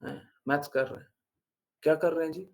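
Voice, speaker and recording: A man leads an informal devotional talk. He is animated and scolds his listeners, firing rhetorical questions at them as a spiritual teacher. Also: fairly high pitch, fairly quick.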